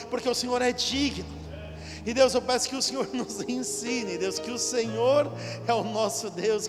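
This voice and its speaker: This is a sermon and spoken prayer by a high-voiced male pastor from São Paulo, Brazil, whose prayer to God is fervent and repetitive. He's in a big conference church hall, so the sound is reverberant, with music playing underneath.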